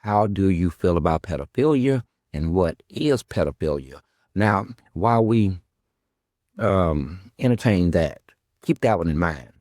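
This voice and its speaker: In a dry, clean studio recording, a male podcast host with a low, darkish voice delivers an animated, measured monologue aimed at an absent guest. He is confrontational, sarcastic, and profane, circling back to his questions again and again.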